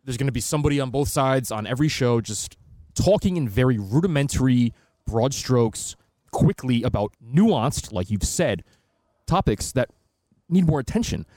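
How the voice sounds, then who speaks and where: A man's voice: mid-range voice, warm tone, no room sound. A man co-hosting a casual talk podcast, talking in long, opinionated, profane stretches. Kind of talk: casual political and media chat.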